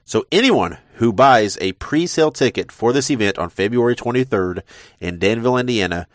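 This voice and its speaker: A man with a mid-range voice hosts a wrestling podcast, expressive and at normal speed, sounding stuffed up from a sinus infection. He rambles loosely, repeating words and saying "uh" a lot. There's no room sound; the quality is studio-grade.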